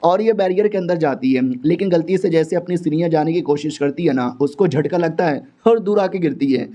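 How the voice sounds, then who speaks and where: A man's voice: fairly high pitch, a little fast, warm tone. A man narrating a manga story recap in a chatty, slangy way, talking to listeners like friends. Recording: dull lo-fi audio.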